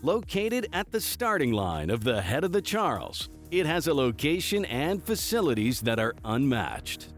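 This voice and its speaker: A man's voice: medium pitch, sing-song, normal speed, hardly any pauses. A man delivering polished, promotional scripted narration for a sports show. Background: music.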